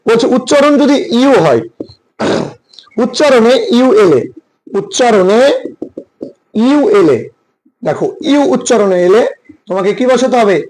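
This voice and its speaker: A man with a Bengali accent teaches English grammar in a high, light voice. He drills his students by repeating each rule and quizzing them with questions. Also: lively intonation, unhurried, long pauses, darkish tone, low-quality recording. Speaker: English tutor. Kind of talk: classroom lecture.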